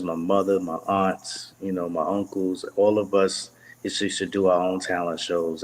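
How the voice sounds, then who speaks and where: A young man, chatting as an interview guest, rambling with lots of fillers and restarts. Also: low-pitched. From Brooklyn, New York. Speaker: guest singer. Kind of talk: casual interview.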